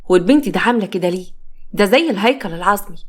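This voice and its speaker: A brisk male police officer, voiced by a woman narrator who asks quick, probing questions with an Egyptian accent. He takes charge of the scene in a spoken storybook. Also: mid-range voice, animated, natural voice. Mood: brisk, questioning.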